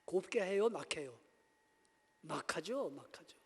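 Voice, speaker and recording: A man preaches a Sunday sermon from the pulpit with a notably high voice, his words trailing into a long church-hall reverb. He tells homely stories and acts out small scenes, sinking to quiet, low asides before climbing back to loud, high exhortation. He is from Seoul. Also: lively intonation, a little slow, husky. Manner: storytelling preacher acting out little scenes. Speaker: pastor. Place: church sanctuary.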